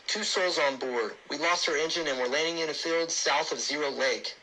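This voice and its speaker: A man's voice: on the high side, normal speed, bright, forceful tone, poor audio. A man playing a pilot on a mayday radio call. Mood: urgent. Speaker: flight instructor.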